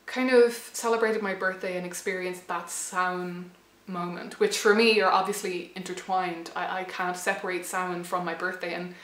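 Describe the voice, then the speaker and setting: Here a channel host of around thirty talks through a reflective personal vlog, thoughtful yet hesitant and often restarting. Her slightly worn voice is fairly low and a bit bright, with fairly even intonation, moderate pace and hardly any pauses. The sound is roomy.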